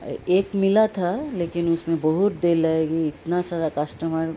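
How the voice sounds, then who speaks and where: A woman's voice: on the low side, steady tone, unhurried, warm tone, a little hiss or hum. A woman food vlogger chatting casually to her viewers at a roadside restaurant, talking while chewing. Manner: chatty, addresses viewers as friends. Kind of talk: casual vlog narration.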